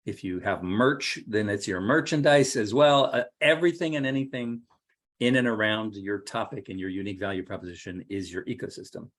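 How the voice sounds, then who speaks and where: A man's voice: fairly low pitch, fairly quick. A man teaching an online course workshop as a marketing coach, talking casually with many fillers and restarts. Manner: relaxed, conversational, frequent fillers and restarts.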